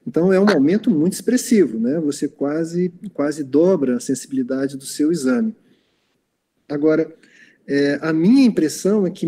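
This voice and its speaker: A Brazilian man answers questions after an online lecture, circling back with fillers and restarts as he explains. His voice sits a little high but has a dark, mellow tone. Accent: Brazilian Portuguese. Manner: hesitant, many fillers and restarts.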